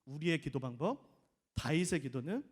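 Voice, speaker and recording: A man's voice: a little high, expressive, normal speed, husky. A man who is a youth pastor, preaching a sermon and acting out whiny, pleading prayers to make his points. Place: church hall. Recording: echoey church hall.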